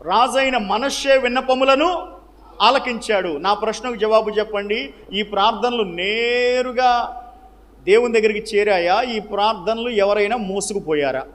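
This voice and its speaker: A man's very high, bright and forceful voice, a little slow, fills a large hall with long reverb as he teaches the Bible. He quizzes the listeners, answers the questions himself and drives key phrases home by repeating them.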